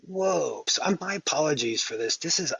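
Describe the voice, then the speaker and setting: A man speaks in a gravelly, slightly husky voice, stumbling over his words. He sounds shaken and keeps apologizing. The phone recording is dry and close. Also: fairly high pitch, animated, a bit bright, no room sound, rough recording. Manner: halting, apologetic, stammering. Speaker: Clubhouse speaker. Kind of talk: emotional live audio chat.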